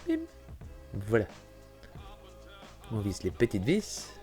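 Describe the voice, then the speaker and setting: A man's voice: on the low side, wildly swooping pitch, slow pace, mellow, faint music behind. A man with a cold, giving a chatty, self-correcting walkthrough of a computer-building game and often apologizing. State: has a cold, clearing throat. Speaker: gaming YouTuber. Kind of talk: casual gameplay walkthrough commentary.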